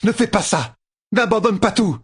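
A fierce young woman leader in an audiobook, defiant and proud, pushing her voice up high and scolding, voiced by a man. The tone is husky and lively in its rise and fall. It is a close, dry recording. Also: moderate pace, exaggerated voice. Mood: pleading. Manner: pitched far up, sharp and scolding.

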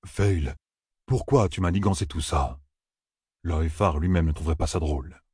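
A man doing a gentle worried Ogier giant. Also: rumbling low, moderate pace, husky, dry recording, clean studio sound, heavily acted. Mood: anxious pleading. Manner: soft, pleading, slightly trembling.

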